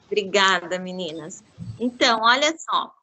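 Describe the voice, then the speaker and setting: A woman giving a lecture to teachers on literacy, explaining classroom activities and slowly modeling words syllable by syllable. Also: mid-range voice, expressive, bright, forceful tone.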